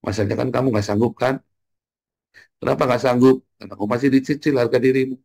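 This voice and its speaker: Gravelly, blunt man preaching. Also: steady tone, fast talker. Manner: blunt, teasing, swings from loud jabs to low murmurs. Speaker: pastor. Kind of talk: informal sermon.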